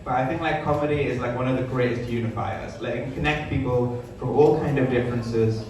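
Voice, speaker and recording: A man's voice: medium pitch, steady tone, brisk, darkish tone. Echoey young stand-up comedian, male. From Newcastle, northern England. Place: small sparsely filled comedy venue. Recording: echoey live room, distant mic, audience noise.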